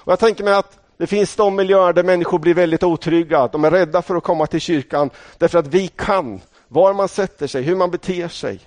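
A man's voice: high voice, hardly any pauses, darkish tone, no room sound. A middle-aged man from Sweden preaching a sermon, telling stories from his own life in a conversational way and speaking straight to the congregation. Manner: storytelling, conversational, addresses the congregation directly.

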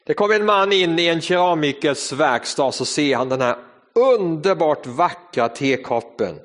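A man preaching a sermon, earnest and storytelling, shifting between fast and slow phrases in a church. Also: fairly high pitch, expressive. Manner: earnest storytelling, varied tempo. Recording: reverberant hall.

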